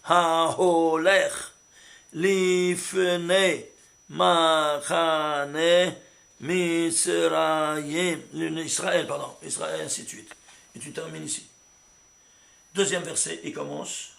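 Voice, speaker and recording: A man teaching a kabbalah class as rabbi, asking his students questions and rising to excited exclamations. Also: a little high, drawn-out words, creaky, long pauses. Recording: echoey room, faint hum.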